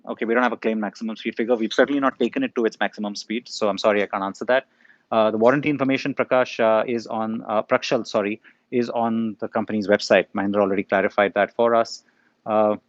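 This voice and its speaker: A man's voice: mid-range voice, dry recording, muffled recording. A middle-aged man, answering viewers' questions in a live session, conversational with frequent ums and uhs. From India. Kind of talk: live Q&A, casual explanation.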